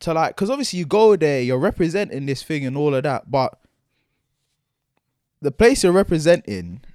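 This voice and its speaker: A young man with a London roadman accent, debating casually in animated, argumentative slang. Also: on the high side, normal speed, dry recording, studio quality. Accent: London, multicultural urban roadman slang.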